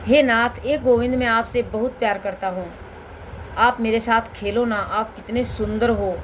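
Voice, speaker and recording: A woman's voice: fairly high pitch, fairly even intonation, unhurried, a little hiss or hum, lightly acted, rough recording. Woman doing a little village boy begging his god friend to play, childlike and earnest. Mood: adoring. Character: devoted little village boy, loving and pleading.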